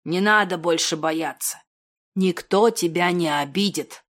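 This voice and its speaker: A kindly old grandfather with a lowered, gentle voice, as a woman narrator puts him on. He speaks softly and reassuringly in an audiobook reading. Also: unhurried.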